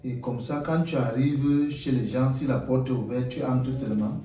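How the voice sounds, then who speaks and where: A man's voice: mid-range voice, steady tone, moderate pace, warm tone, lightly acted. Man acting as a blustering older stepfather, Cameroonian French accent, repeats his orders, echoey room, distant mic. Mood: stern. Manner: scolding, repeats himself, demanding. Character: stern aging stepfather, protective and blustering. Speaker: stepfather in a comedy web series. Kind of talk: comedy web series acting. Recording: roomy echo, far from mic, light music.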